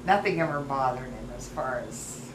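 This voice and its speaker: A woman's voice: very deep voice, expressive, normal speed. An elderly woman, a grandmother, telling family stories in a casual, rambling, anecdotal way, as an elder recalling the past. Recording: roomy, clearly noisy home recording.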